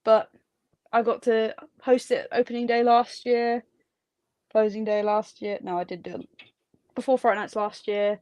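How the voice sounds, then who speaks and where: A woman's voice: a little high, level tone, unhurried, a little mellow, smooth, no echo. Chatty woman guest in a dry studio. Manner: chatty, candid. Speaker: theme park ride operator, guest. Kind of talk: casual interview chat.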